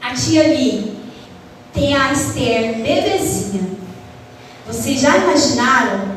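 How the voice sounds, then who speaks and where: A woman's voice: sits high, takes it slowly, slight background noise. Woman telling children a Bible story. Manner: asks the children questions, animated storytelling. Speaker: children's ministry teacher. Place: church hall. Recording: echoey church hall, far from mic.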